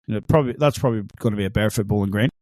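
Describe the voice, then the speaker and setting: A man co-hosts a casual podcast with a thick, non-Australian accent, speaking rapid-fire in a lowish, slightly mellow voice. The recording has no room sound. He's chatty and teasing, laughing often.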